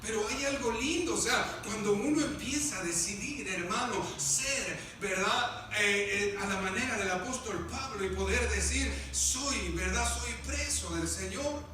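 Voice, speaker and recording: A man preaching a sermon as pastor, moving from quiet asides to loud, fervent outbursts and calling listeners "brother" again and again. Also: sits high, moderate pace, few pauses, faint music behind. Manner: addresses listeners as "hermano" constantly. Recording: echoey church room, mic far away, background noise.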